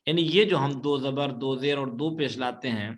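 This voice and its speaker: A man teaching Quran reading in an online class. He patiently repeats each rule, keeps checking that his students follow, and recites the Arabic examples slowly. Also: medium pitch.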